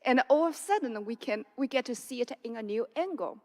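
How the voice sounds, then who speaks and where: A woman's voice: on the high side, animated, fairly quick, a little mellow, long reverb tail. A woman musician from a string quartet, chatting and explaining as she introduces pieces, reading out titles one by one, in a church sanctuary. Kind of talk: introducing pieces at a concert talk.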